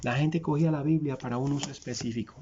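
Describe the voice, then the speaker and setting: A man's voice: mid-range voice, steady tone, fast, mellow, a little hiss or hum. A man preaching a conversational sermon, folksy and direct, firing rhetorical questions at his listeners and building long repeated lists. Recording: dull lo-fi recording.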